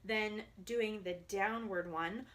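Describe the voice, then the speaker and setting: Calm woman voice coach. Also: mid-range voice, slow, very noisy. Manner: calm, guiding, demonstrates vocal slides and counts. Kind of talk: instructional voice exercise video.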